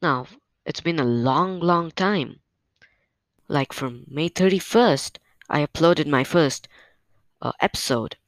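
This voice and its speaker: A podcast host at home gives an informal solo update through a new stand-mounted microphone, sounding a little nervous and hesitant, with plenty of fillers. The medium-pitched voice moves slowly and pauses often, with no room sound.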